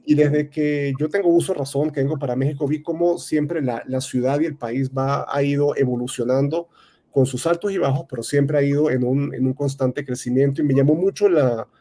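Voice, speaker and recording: A man in his thirties with a Venezuelan accent, a real estate advisor answering interview questions in a halting way, full of fillers and restarts. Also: medium pitch, fairly even intonation, dark tone. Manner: hesitant, many fillers and restarts. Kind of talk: casual interview talk.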